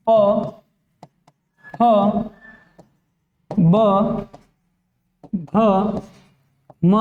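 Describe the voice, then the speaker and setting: Male teacher, very high voice, roomy classroom sound, drills students with repeated questions. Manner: repeats questions to students and answers them himself; recites letters slowly one by one. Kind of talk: classroom grammar lesson.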